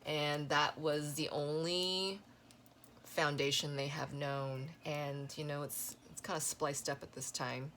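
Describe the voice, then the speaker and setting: A woman's voice: sits low, fairly even intonation, slow pace, fairly bright tone, slight background noise. Rambling woman giving a tarot reading. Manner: rambling, many "you know" fillers. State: losing her voice. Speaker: tarot reader. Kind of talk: casual spoken tarot reading.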